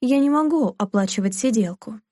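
A woman's voice: animated, normal speed, a little mellow, dry recording, studio quality. A woman reading aloud, voicing a stingy, domineering elderly aunt who fusses and complains. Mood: bossy fretful. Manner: shrill, fretful and bossy.

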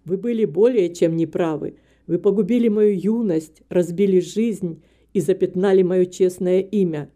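A woman's voice: medium pitch, moderate pace, hardly any pauses, dark tone, natural voice. A woman reading a proud, bitter young man in an audiobook, speaking in a cold, clipped, reproachful way.

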